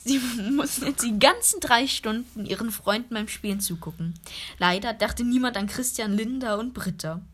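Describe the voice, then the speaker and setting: A woman's voice: fairly high pitch, normal speed, fairly bright tone, breathy edge. A woman narrating a story in a casual group read-aloud, laughing and breaking off for side remarks.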